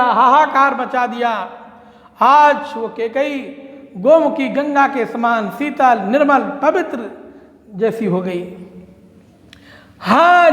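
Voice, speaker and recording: A man's voice: very high voice, fairly bright tone. A man teaching Hindi who recites each verse of a poem, then repeats it and explains it in plain words. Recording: roomy echo with a long reverb tail.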